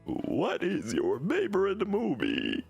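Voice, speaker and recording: A stiff, slow text-to-speech robot voice, as a man puts it on while breathing in, clipping each word in a stilted monotone. The sound is gravelly and rough. Behind it, some music plays faintly. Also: high-pitched, voice pushed up, full character voice. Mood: robotic. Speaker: livestreamer.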